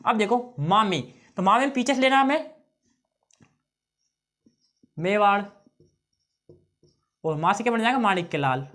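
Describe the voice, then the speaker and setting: A man's voice: sits high, lively intonation, unhurried, long pauses, sharp tone. A male teacher giving an exam-prep lesson on memory tricks, often checking in with his students and repeating key phrases.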